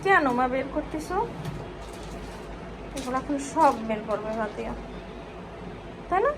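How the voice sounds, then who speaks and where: High-voiced mother, sing-song baby talk. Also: lively intonation, measured pace, background noise. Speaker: mother vlogging with her toddler daughter. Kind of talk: casual vlog chat to camera and toddler. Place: home at night.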